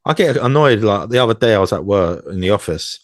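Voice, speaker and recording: Podcast co-host: low-pitched British guy, dead-dry mic, animated and cheeky. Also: quick pace, no echo. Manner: animated, laughing, swearing. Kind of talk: casual chat.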